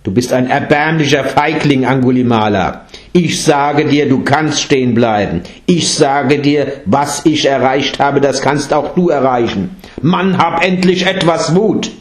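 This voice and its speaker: A man voicing a calm, serene male monk teacher who speaks firmly and gently. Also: mid-range voice, a little slow, few pauses, pitched above the performer's own voice, lightly acted. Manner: calm and firm.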